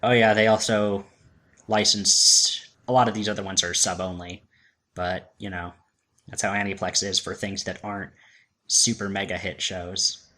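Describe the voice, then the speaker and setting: A man's voice: low-pitched, fairly even intonation, moderate pace, sharp tone. A man co-hosting a casual anime podcast, joking with friends. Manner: playful, mock movie-trailer delivery at times. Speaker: podcast co-host. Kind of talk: casual group chat.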